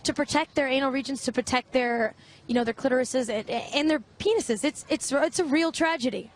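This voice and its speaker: A woman's voice: high voice, a little fast. A woman reporter conducting a mock news interview in an earnest, straight-faced way.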